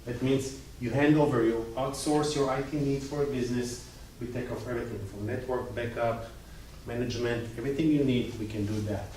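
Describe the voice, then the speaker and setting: A man with an Israeli accent speaks at medium pitch with fairly even intonation, a little fast, with few pauses and a slightly mellow tone. He's a guest speaker giving an informal, joking casual presentation to a small audience in a coworking space event room, tossing in short chatty asides. The room is echoey, the mic is distant, and there's slight background noise.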